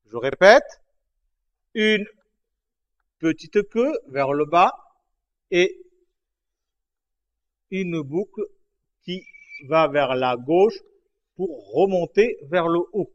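A man teaching a writing lesson, slowly explaining each stroke, repeating himself and checking that his students follow. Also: a little high, expressive. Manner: patient, repeats and checks understanding. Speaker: language teacher. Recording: dull lo-fi recording.

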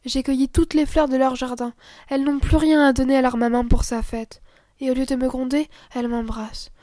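Woman reader as a tiny sobbing girl from a storybook, stammering and pitched very high. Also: flat delivery, brisk, warm tone, no echo, studio quality, natural voice. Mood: tearful confession. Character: small weeping girl, contrite and sweet.

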